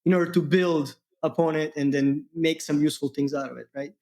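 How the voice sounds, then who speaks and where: A man from Serbia, a guest engineer talking shop in a halting way, with many fillers. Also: on the high side, fairly even intonation, a little mellow. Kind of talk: casual tech interview.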